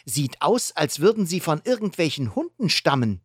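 A woman performs a curious young girl superhero who complains at the villains, using an exaggerated voice pitched above her own. Her voice is low with big pitch swings, a breathy edge, and a moderate pace. The recording is clean studio sound with no room echo.

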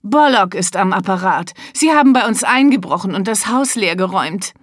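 A woman voicing a hot-tempered, rude rich man who shouts in outrage. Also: medium pitch, expressive, normal speed, no room sound, studio quality, lightly acted. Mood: aghast. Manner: shouting, indignant.

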